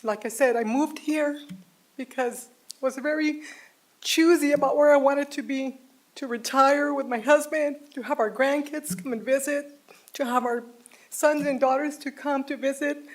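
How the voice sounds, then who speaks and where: Emotional high-voiced older woman resident. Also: steady tone. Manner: heartfelt, pleading, slow and deliberate. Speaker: resident giving public comment. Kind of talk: emotional public comment. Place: city council chamber.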